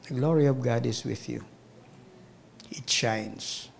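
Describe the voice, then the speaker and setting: A Filipino man preaching a sermon with big swings between loud exclamations and hushed asides. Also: mid-range voice, slow pace, gravelly. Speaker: pastor.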